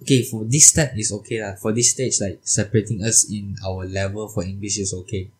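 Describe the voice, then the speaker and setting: A man's voice: fairly low pitch, steady tone, fairly quick, a little mellow, slightly rough. A young man with a Malaysian Chinese accent chatting casually in colloquial English, switching into Mandarin and ending phrases with particles. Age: young adult. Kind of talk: casual chat.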